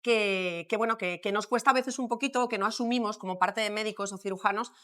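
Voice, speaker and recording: A middle-aged woman from Madrid with a Spanish accent, a plastic surgeon talking as a podcast guest, thinking aloud with many pauses and fillers. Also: mid-range voice, a bit bright. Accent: Spanish from Spain. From Madrid, Spain. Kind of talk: podcast interview.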